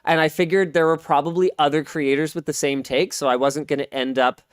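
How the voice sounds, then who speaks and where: This podcast host is a Canadian man in his thirties whose slightly high voice moves briskly and smoothly with fairly even intonation. The studio recording is clean, with no room sound. Describing his own speech as Pacific Northwest, he rambles casually, cuts himself off, and says words over again.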